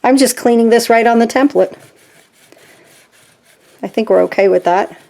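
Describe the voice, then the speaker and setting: Chatty, excitable woman crafting at home. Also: fairly high pitch, moderate pace, vocal fry. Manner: chatty and easily excited, talks to viewers while working. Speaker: craft tutorial host. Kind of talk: casual step-by-step craft demonstration.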